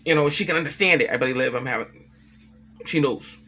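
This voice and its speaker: A woman vlogging casually about family, telling an animated, profane story and acting out what others said. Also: a bass voice, brisk, a little hiss or hum. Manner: emphatic, repeats herself for effect.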